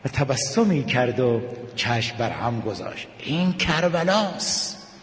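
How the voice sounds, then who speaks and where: A man preaching an emotional sermon, telling stories and dropping his voice low for tender moments, then lifting into sung lines. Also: very animated. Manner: emotional, slows and drops to near whisper for tender moments, rises with sung passages. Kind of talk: religious sermon with storytelling. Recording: echoey hall reverb.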